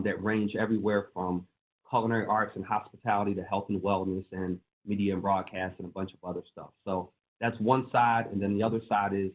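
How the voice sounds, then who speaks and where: A man who is a pastor and state legislator, giving an earnest presentation to pastors on a conference call and repeating phrases for emphasis. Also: on the low side. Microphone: phone or call line. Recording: tinny phone-line call audio.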